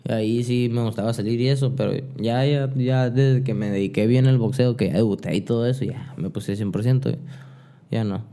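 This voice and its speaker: A man's voice: medium pitch, fairly even intonation, moderate pace, mellow. A young man with a Mexican accent, a boxer telling his story in a casual interview, rambling with restarts and fillers. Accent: Mexican Spanish. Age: young adult. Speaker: boxer guest.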